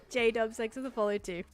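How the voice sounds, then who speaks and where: A woman's voice: a little high, wildly swooping pitch, slow. Chatty woman livestreaming, music behind her. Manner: rambling, thinks aloud, answers viewers. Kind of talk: casual gameplay stream chat.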